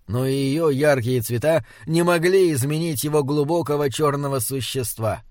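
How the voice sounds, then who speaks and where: A man's voice: a little high, a little mellow, no room sound. Man reading a story, dry close voice. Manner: measured, descriptive reading. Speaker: narrator. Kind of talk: audiobook narration.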